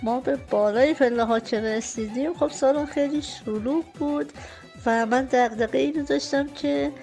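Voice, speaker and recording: A woman telling a gentle, wry personal anecdote after festive greetings. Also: high voice, vocal fry, soft background music. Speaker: storyteller sharing a memory.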